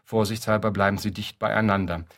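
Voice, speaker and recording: A man reading a literary story aloud in a dry, deadpan narrating manner. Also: fairly low pitch, a little fast. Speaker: reader.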